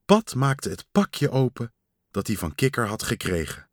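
Slow, very expressive male storyteller. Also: mid-range voice, no room sound, studio quality. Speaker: storybook reader. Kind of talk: children's story read-aloud.

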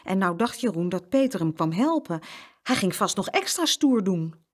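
A woman reading a children's story aloud as narrator, with expressive storytelling. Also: medium pitch, normal speed.

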